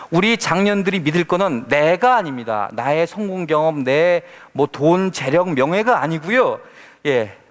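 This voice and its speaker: Man preaching in church, kinda high voice, swings all over, long echo in the hall. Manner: lively, acts out quoted voices with humor. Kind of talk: sermon. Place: church sanctuary.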